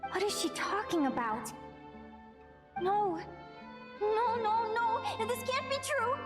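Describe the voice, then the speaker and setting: A high-voiced, wistful explorer heroine. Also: female voice, lively intonation, slow, over loud music, exaggerated voice. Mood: confused, then anguished denial. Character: wistful woman explorer facing her life's end, game heroine. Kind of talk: dramatic video game voice acting.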